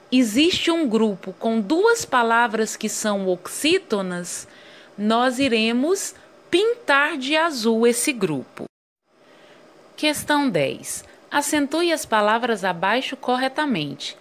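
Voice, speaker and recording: Slow, careful woman teacher. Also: on the high side. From Brazil. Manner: slow, careful, stretching key words for young pupils. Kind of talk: reading out and explaining worksheet exercises.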